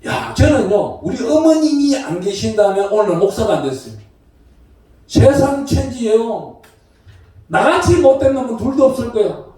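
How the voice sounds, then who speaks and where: High-voiced man preaching in echoey church. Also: normal speed. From Gyeongsang region, South Korea. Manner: lively preaching with shouted call-and-response. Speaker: pastor. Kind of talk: sermon. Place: church sanctuary. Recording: roomy echo from far off the mic.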